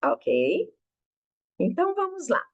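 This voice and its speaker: A woman from Brazil teaching an English lesson, clearly modeling words for learners to repeat. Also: sits high, huge pitch swings, slow pace, lo-fi sound. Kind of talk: recorded online lesson narration.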